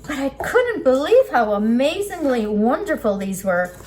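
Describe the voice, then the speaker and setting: A woman instructor gives a casual cooking demonstration indoors at a work table, explaining each step as she works with her hands. Her voice sits high and is very animated, a little slow, and a little mellow. Kitchen ambience and clear background noise can be heard.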